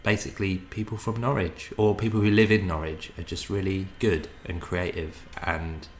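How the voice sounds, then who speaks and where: A man's voice: low-pitched, level tone, moderate pace. A man, talking casually as a guest in an interview. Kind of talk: casual chat.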